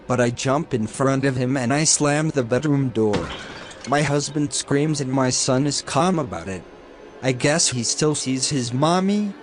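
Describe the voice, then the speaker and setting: A man narrating a first-person horror story in a steady, scripted storytelling delivery. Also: medium pitch. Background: faint music.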